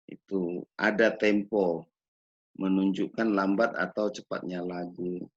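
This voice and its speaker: A man gives a measured lecture on children's music education, pausing to ask rhetorical questions. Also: low-pitched, creaky, slightly rough. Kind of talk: recorded lecture. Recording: dull lo-fi recording.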